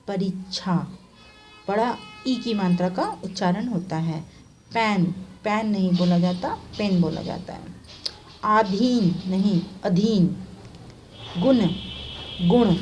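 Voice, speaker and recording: Slow, patient woman teaching word spellings. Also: mid-range voice, dark tone, slight background noise, low-quality recording. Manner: reads each word slowly, then repeats it corrected; often ends points with "okay" and "theek hai". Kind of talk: slow classroom explanation of spelling.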